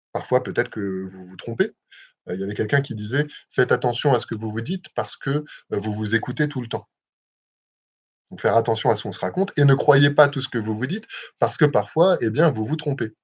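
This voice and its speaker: Soft-spoken man hosting a hypnosis livestream. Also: fairly low pitch, breathy edge. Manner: gentle, measured, with many hesitations. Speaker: hypnosis session host. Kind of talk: live-streamed self-hypnosis talk. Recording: dull lo-fi livestream audio.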